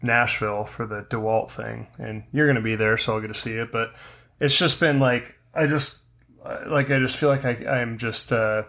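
A man's voice: medium pitch, fairly even intonation, moderate pace, a bit bright. A man co-hosting a podcast, sounding stressed and scattered, with many restarts. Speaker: podcast co-host. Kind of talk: casual podcast chat.

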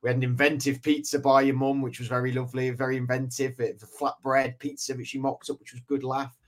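A man hosting a casual podcast, hoarse and tired, rambling with frequent restarts. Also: medium pitch, flat delivery, fast. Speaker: podcast host. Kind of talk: casual chat.

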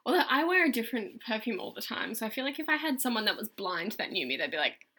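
A jokey woman co-hosting a casual podcast, tossing out quick quips. Her voice is high and breathy, with a very bright, sharp edge. Her pitch bounces all over. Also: very animated. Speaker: podcast co-host. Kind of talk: casual chat.

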